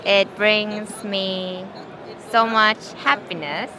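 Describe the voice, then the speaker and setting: Slow-speaking woman. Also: mid-range voice, fairly even intonation, crowd noise. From Japan. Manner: slow, careful. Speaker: business consultant. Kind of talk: vox pop interview.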